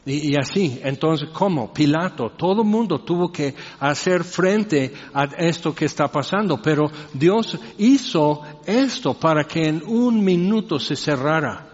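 A man's voice: on the high side, expressive, measured pace, hardly any pauses. A man preaching a sermon in a conversational way, asking rhetorical questions and making joking asides. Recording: reverberant hall, dull lo-fi sound.

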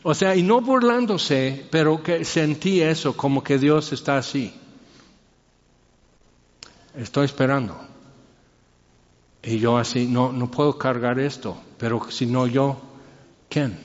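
A man giving an emotional personal testimony, halting and restarting his sentences often. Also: medium pitch. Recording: reverberant hall, dull lo-fi sound.

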